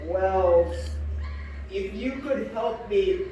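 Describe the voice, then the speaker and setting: A man playing an earnest young cabin boy in a live stage play, speaking plainly and deliberately. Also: high voice, warm tone, highs cut off. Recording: echoey hall from far off, faint background noise.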